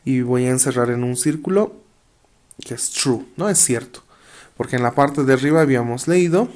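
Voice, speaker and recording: A man teaching an English class in Spanish, reading English lines slowly and checking in with "¿no?" after most phrases. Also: mid-range voice, darkish tone. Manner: slow, explains in Spanish, frequent "¿no?" checks; reads English text aloud slowly. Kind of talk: online class walkthrough.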